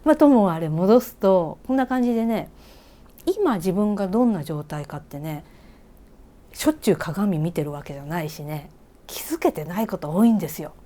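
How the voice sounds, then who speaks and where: Animated and moderately paced, her lowish voice carries a Kansai accent as she gives a casual reiki lesson. She keeps asking the listener questions, with soft whispers tucked in between.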